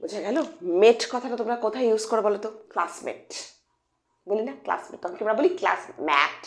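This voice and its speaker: A woman with a Bengali accent teaches phonics to children. She speaks with a slightly gravelly edge in an echoey room, patiently repeating each point and asking her pupils questions. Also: mid-range voice, expressive, fast. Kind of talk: explanatory lesson for children.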